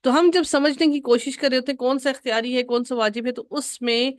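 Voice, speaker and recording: A woman teaching an Arabic grammar lesson, patiently repeating each rule slowly for her students. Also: sits high, fairly even intonation, no echo, studio quality.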